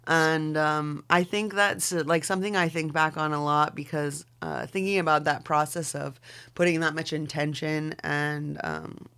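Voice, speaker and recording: A woman's voice: low-pitched, steady tone, moderate pace, gravelly, fairly bright tone, clear, resonant tone. A woman in her forties from Oregon, a podcast guest talking in loose, casual chat full of "like"s and the odd swear word. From Oregon, Pacific Northwest. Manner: loose and chatty, many "like"s and fillers, swears casually. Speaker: podcast guest, fashion designer.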